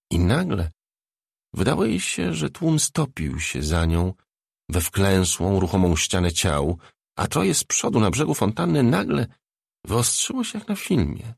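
Deep gravelly male audiobook narrator. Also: a little mellow, dry recording, studio quality. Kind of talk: scripted narration of a novel.

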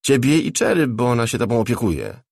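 A male narrator does a plain-spoken, uncertain working man in an audiobook. The voice is low and raspy, with gravel in it, recorded dry and close. He fumbles for words as he explains. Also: sing-song, fairly quick, darkish tone, dry recording. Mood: explaining. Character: simple, unsure grease-stained working man.

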